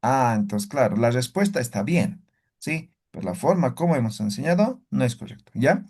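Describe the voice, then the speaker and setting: A man's voice: medium pitch, normal speed, husky. A man teaching an online Aymara language class, often checking in with "¿ya?" and "¿no ve?". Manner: animated, exaggerates rises and falls to demonstrate.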